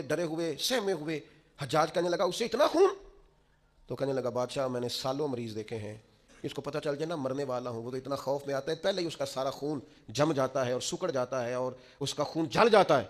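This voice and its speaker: A Pakistani man with a high, bright-edged voice delivers a sermon. He moves between soft, intimate storytelling and bursts of passionate, raised exhortation. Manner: impassioned, swings between hushed storytelling and loud exhortation. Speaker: preacher.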